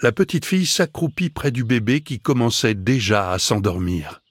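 A man narrating a children's fantasy audiobook in a measured, expressive way. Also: medium pitch, breathy edge, dry recording.

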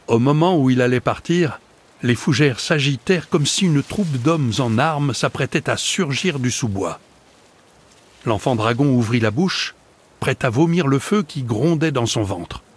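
A man reading a storybook aloud in steady, dramatic audiobook narration. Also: medium pitch, slightly rough.

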